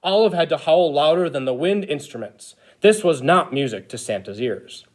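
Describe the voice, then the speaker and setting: An eager, childlike Christmas elf played by a man reads a storybook aloud to children. The delivery is exaggerated and expressive, with pitch that swings widely from phrase to phrase. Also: normal speed, close to an everyday voice. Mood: eager storytelling. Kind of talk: animated picture-book read-aloud.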